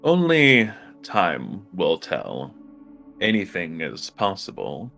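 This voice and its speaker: A man voicing a solemn, fatherly god in a tabletop game, speaking gravely and formally. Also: low voice, huge pitch swings, slow pace, sharp tone, faint music behind, pitched below the performer's own voice, exaggerated voice. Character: solemn otherworldly god, fatherly, to a cursed elf.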